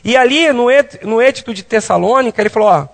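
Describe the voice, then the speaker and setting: Man, very high pitch, Bible class teacher, conversational, quizzes listeners. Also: quick pace, creaky. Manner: conversational, asks the class questions.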